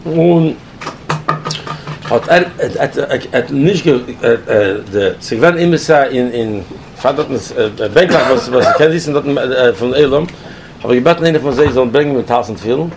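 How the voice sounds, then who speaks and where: A man telling a personal story in a casual, animated way, with many restarts and switches between languages. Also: mid-range voice, normal speed, noisy background.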